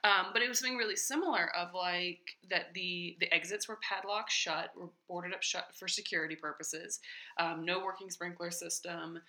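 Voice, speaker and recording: A woman co-hosting a podcast in casual chat, thinking out loud and correcting herself as she goes. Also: lowish voice, steady tone, moderate pace. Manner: chatty, thinks aloud, self-correcting. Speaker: podcast co-host.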